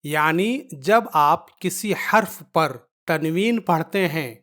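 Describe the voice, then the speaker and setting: A woman's voice: deep voice, animated, fairly bright tone. A woman teaching a Quran reading lesson, patiently explaining step by step, repeating each point and drawing out the letter sounds.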